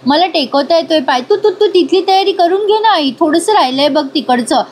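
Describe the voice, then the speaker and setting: A woman's voice: extremely high pitch, animated, fairly quick, slight background noise, voice pushed up. A woman voicing a scheming young woman who pretends to be innocent, in a whiny, pleading tone raised above her narration.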